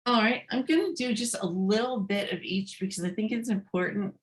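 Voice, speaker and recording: A woman's voice: mid-range voice, brisk, slight background noise, rough recording. A woman reading her children's book aloud on a video call, adding short explaining asides.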